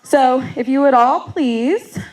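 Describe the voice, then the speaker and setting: A woman's voice: high-pitched, takes it slowly, a little mellow, low-quality recording. A woman in her thirties, the bride's oldest sister, giving a wedding toast with self-deprecating humor, laughing through her lines and getting emotional.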